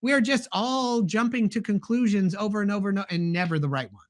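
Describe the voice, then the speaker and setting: A man's voice: high-pitched, fast. A middle-aged man co-hosting a podcast, telling family stories in a casual chat and acting out the dialogue. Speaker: podcast co-host.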